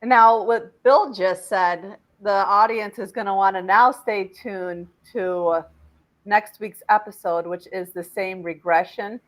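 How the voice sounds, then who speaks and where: Woman host leading a panel, middle pitch, explains with lots of fillers. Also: fairly even intonation, slow, rough recording. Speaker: podcast host and regression facilitator. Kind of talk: panel discussion.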